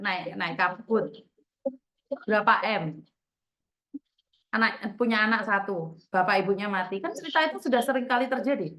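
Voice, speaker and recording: Blunt, lecturing woman with a high voice. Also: fairly bright tone. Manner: blunt, lecturing, repeating "sayang" and rhetorical questions. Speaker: host counseling a caller. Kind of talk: scolding advice on a call-in chat.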